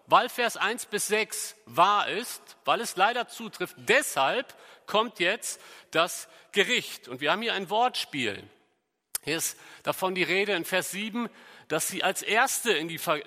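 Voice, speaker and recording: A middle-aged man preaching a sermon, reading scripture aloud and moving between loud emphasis and quiet asides. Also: medium pitch. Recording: long hall reverb.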